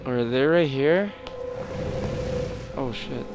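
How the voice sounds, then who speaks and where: A young man playing a horror game, swearing, panicking and yelling at what chases him. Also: medium pitch, expressive, slow, vocal fry, music in the background. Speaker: gameplay streamer.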